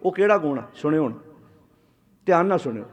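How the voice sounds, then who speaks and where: Preaching a Sikh sermon, a man poses rhetorical questions and urges the congregation to answer aloud. His voice is fairly high, expressive, and fairly quick.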